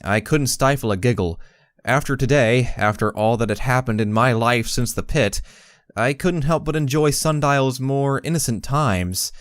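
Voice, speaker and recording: A man voices a timid, soft-hearted young pony narrating an audio story in the first person, earnest, hesitant and wistful. His voice is medium-pitched at a moderate pace, close to an everyday voice, with no echo.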